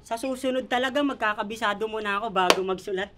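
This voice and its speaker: A woman's voice: a little high, fast talker, background noise. Mocking young woman battle rapper. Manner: mocking, laughing trash talk. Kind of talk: live rap battle verses. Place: bar venue, live event.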